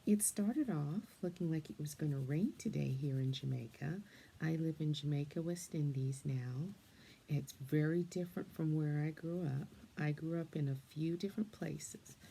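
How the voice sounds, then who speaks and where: An older woman, soft-spoken and meandering, chatting as she colors and often slipping into a half-whisper. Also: low-pitched, measured pace, creaky, a little hiss or hum. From England, then Canada and the United States. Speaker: storyteller and coloring host. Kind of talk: gentle chatty storytelling while coloring.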